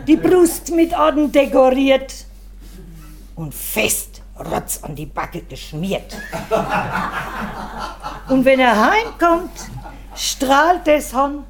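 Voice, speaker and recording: High-pitched woman, reciting rhymes slow and wry like a stage comic. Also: sing-song. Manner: wry rhyming delivery, slow and deliberate. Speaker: comedian. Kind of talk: rhymed comic monologue about her husband.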